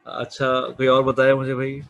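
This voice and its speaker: A male teacher giving a classroom lecture, coaxing students and drilling pronunciation by slowly repeating words. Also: medium pitch, completely flat delivery, fairly bright tone. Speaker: business English teacher.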